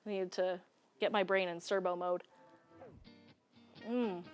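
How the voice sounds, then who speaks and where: A lowish, smooth voice with a steady tone and a slightly slow pace belongs to a young Serbian woman hosting a cooking show, with faint music playing behind. While she cooks on a studio kitchen set, she chats casually, laughs frequently, and drifts into stories about her family.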